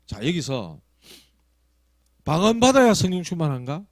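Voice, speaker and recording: A male pastor with a Gyeongsang accent preaching a sermon, telling stories that swing from loud emphasis to hushed asides. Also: fairly high pitch, big pitch swings, moderate pace, no room sound. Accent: Gyeongsang Korean. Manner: acts out quoted prayers and tongues.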